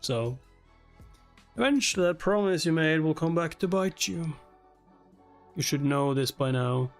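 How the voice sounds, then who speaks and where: A man livestreams himself reading a webtoon aloud, reacting casually, chatting with viewers, and swearing offhandedly. His voice is fairly high-pitched, animated, and unhurried, with background music playing behind it.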